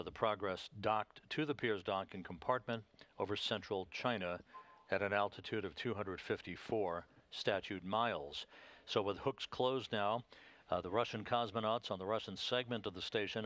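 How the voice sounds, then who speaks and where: An American man giving live technical commentary as a mission control announcer, measured, formal and methodical. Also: fairly low pitch, a bit bright.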